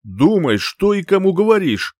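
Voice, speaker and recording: A man's voice: mid-range voice, very animated, moderate pace, no echo, clean studio sound, natural voice. A man voicing a lazy, teasing young prince in an audiobook, drawling and smirking. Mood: smug.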